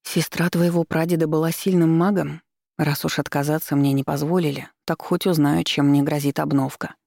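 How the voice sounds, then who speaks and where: Brief: stubborn, bashful young heroine, slightly raised voice, gravelly, dry, as the reader puts her on. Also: medium pitch, flat delivery, normal speed, a little mellow, no echo, natural voice. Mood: shy. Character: stubborn, shy nineteen-year-old girl.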